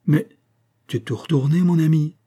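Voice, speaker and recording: A man's voice: on the high side, fairly even intonation, normal speed, mellow, slightly rough, voice pushed up. A man reading aloud and voicing a fickle, talkative young wife in a raised, lighter voice. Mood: alarmed.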